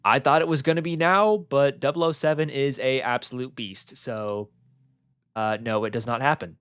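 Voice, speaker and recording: Calling an online football match live, a young man rambles excitedly and leans on filler words. He speaks at normal speed in a clear, resonant mid-range voice, recorded dry.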